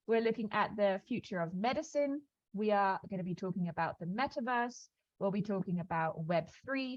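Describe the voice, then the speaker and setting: Fast-talking woman on a video call. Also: medium pitch, no room sound, muffled recording. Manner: fast-talking with many fillers and restarts. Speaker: program staff presenting onboarding. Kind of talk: online onboarding call walkthrough.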